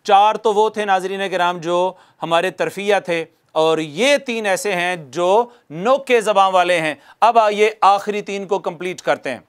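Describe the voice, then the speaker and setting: Man with a high-ish voice teaching on tv, patient, keeps repeating stuff and quizzing you, slows way down to show the sounds. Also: smooth. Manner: patient, repeats key points and quizzes the viewer; slows down to demonstrate letter sounds. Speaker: Quran recitation teacher. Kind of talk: televised lesson.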